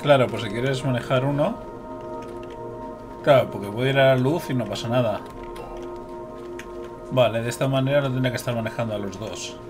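A young man from Spain talks through a puzzle game in a mid-pitched voice with a Spain Spanish accent, swearing freely and addressing his viewers. Game music plays clearly behind him. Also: moderate pace, pauses often. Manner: swearing, laughing, talking to viewers. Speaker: gameplay streamer. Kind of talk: live gameplay commentary.

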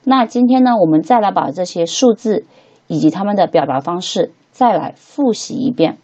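A woman teaching English to beginners, patiently repeating each word slowly three times as she walks through a textbook lesson. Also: fairly low pitch, lively intonation, mellow, husky, highs cut off.

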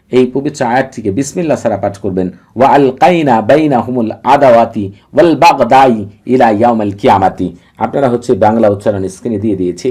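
Husky dark-voiced man giving instructions. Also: fairly low pitch. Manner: repetitive, steady step-by-step instructions; recites long Arabic formulas in a chanting cadence. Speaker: Islamic ritual instructor. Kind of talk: instructional talk to viewers.

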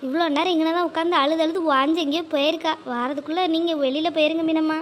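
A desperate young daughter played by a woman pleads and weeps. Her voice is very high. Faint noise sits under this cartoon dialogue. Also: fairly even intonation, quick pace. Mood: coaxing. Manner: tearful, pleading. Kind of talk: cartoon voice acting.

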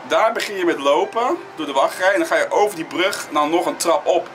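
A man's voice: fairly high pitch, fairly quick, fairly bright tone, a little hiss or hum. A man vlogging casually and giving informal, opinionated commentary while walking around outdoors.

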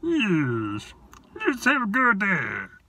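A man voicing the friendly king of the gold creatures in a high, squeaky, drawn-out voice, heard a little away from the mic. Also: huge pitch swings, sharp tone, breathy edge, exaggerated voice.

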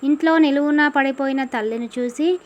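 A woman tells a village folk tale in a steady, expressive way. Her voice is high. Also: a little fast. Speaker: storyteller.

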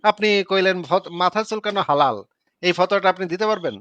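A scornful man hosts a heated live debate, cutting his opponent down with insults. His voice is bright and forceful, and it sits high. The sound is dry and close. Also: fast, no room sound, highs cut off. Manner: combative, scornful, hurls insults. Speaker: debate host.

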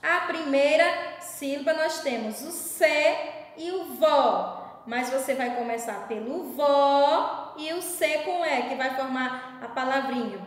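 A woman with a high voice guides young children through a reading exercise. She speaks slowly and patiently and draws out each syllable. Her voice rings around a very echoey room with a long reverb tail. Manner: slow, patient, sing-song teacher talk, stressing syllables. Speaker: primary school teacher. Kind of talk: video lesson for young children.

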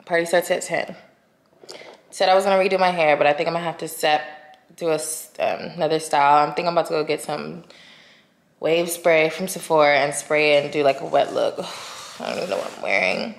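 Young woman vlogger, low-ish voice, chatty and slangy, roomy echo. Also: fairly quick, creaky, a little hiss or hum. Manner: chatty, slangy, talks straight to viewers. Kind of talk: casual chatty vlog. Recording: echoey room.

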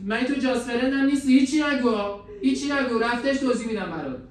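A man hosting a hidden-camera prank, pleading and defensive. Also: extremely high pitch. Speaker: prank video host. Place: indoor bedroom. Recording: echoey room, distant hidden mic, faint noise.

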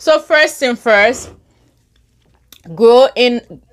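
A middle-aged Liberian woman eats at her table at home and chats casually to the camera in a mukbang vlog. She speaks extremely slowly in a fairly high voice.

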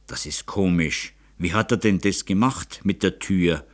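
A man's voice: low voice, measured pace. A man voicing a proud, impatient aging count who has just gone blind, speaking brusquely and commandingly. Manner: brusque, commanding, rising to anguish.

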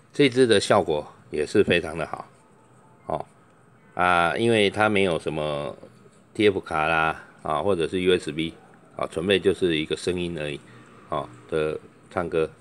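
Low-voiced salesman. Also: a bit bright. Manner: loose, chatty, fills pauses with drawn-out "oh"; tests each mic by calling into it. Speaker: microphone seller. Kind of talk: product demonstration.

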